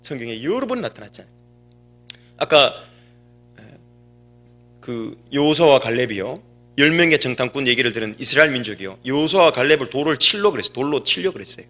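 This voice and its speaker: A man's voice: mid-range voice, expressive, a little fast, pauses often, bright, forceful tone, faint music behind. A male pastor preaching a sermon, telling stories and asking the congregation rhetorical questions.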